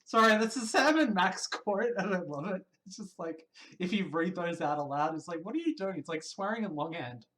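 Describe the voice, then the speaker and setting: Streamer voice, mid pitch, reads game narration softly, chats with viewers between passages. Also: normal speed, hardly any pauses, poor audio. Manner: reads narration in a quiet, even tone, breaks into excited asides. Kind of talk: livestream, reading game text aloud and chatting with viewers.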